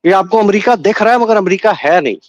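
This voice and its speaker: A high-voiced man on a dull, dry-sounding call line argues his side on a political panel. He is combative and slips English phrases into his speech. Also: expressive, fast, no room sound. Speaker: remote panel guest.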